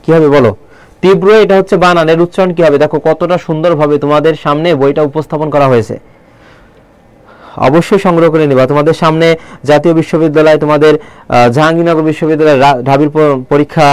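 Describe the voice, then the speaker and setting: Fast, crisp-voiced male tutor quizzing viewers. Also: fairly high pitch, no echo. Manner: quizzing viewers with repeated questions; slows down to read poem lines aloud. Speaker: online admission-prep Bangla teacher. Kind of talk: live online lecture.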